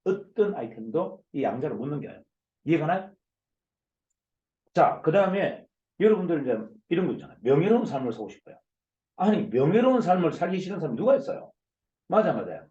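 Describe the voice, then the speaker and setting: Loud, emphatic man lecturing over echoey call. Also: fairly high pitch, very animated, brisk, dull audio. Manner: loud, emphatic, hammering rhetorical questions. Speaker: company CEO giving a business lecture. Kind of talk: forceful motivational lecture. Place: online video session. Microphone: video call.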